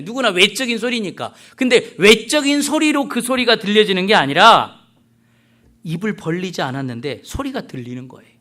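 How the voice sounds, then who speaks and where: A middle-aged man preaching a sermon as pastor, earnest and conversational, with soft asides. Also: high-pitched.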